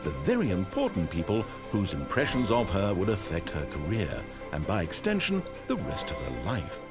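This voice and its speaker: An actor playing a composed, articulate omniscient narrator in a video game, telling a story in a measured storybook style. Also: male voice, sits low, wildly swooping pitch, over loud music, heavily acted.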